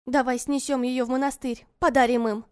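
A woman voicing a worried older village mother who speaks in a quiet, anxious way. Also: high-pitched, flat delivery, brisk, clean tone, no echo, clean studio sound, close to an everyday voice.

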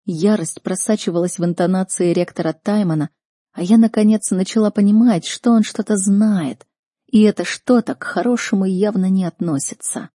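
A woman's voice: mid-range voice, normal speed, mellow, no echo, clean studio sound. A woman narrating a first-person fantasy audiobook with an emotional, dramatic reading.

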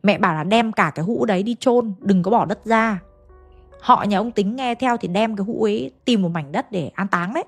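A woman's voice: mid-range voice, a little fast, husky, soft background music. A woman narrating a ghost story in a casual, chatty way, speaking directly to her listeners with folksy asides.

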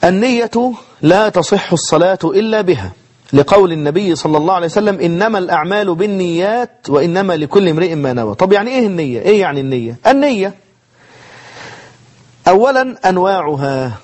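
A man's voice: sits high, animated, fast, darkish tone. A man with an Egyptian accent teaching a televised religious lesson, mixing classical and colloquial Arabic and asking and answering his own questions. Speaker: teacher of Islamic jurisprudence. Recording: broadcast studio recording.

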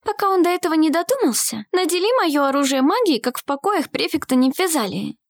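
A woman voicing a bold, sharp-tongued young female warrior in a storybook reading. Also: high-pitched, animated, fast talker, voice pushed up. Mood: urgent.

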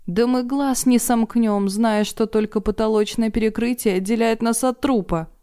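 A woman voicing an indignant, sharp-tongued middle-aged woman who talks loudly and sarcastically. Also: fairly high pitch, fairly even intonation, normal speed, clear, resonant tone, voice pushed up, lightly acted. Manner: loud, exasperated and sarcastic.

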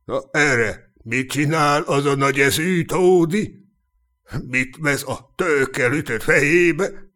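For a humorous fantasy audiobook, a man with a slightly high voice plays a cynical, boastful human knight born a commoner. The character is sharp-tongued and earthy, chuckling and mocking as he spins his tales.

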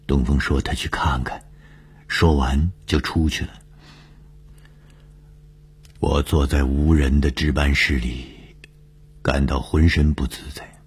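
A man narrating a suspense story in measured, deliberate audiobook style. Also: very deep voice, breathy edge.

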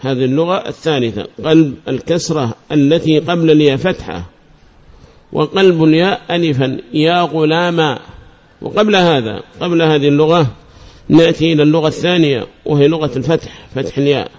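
A man teaching grammar in a fairly high voice, slowing down to repeat every example with care. He sometimes chants lines of verse. The recording is dull and lo-fi. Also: a little mellow. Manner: repeats examples slowly and deliberately. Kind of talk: explaining a grammar poem.

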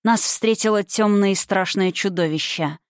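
A woman's voice: mid-range voice, moderate pace, no echo. Female audiobook narrator, suspenseful first-person read, dry.

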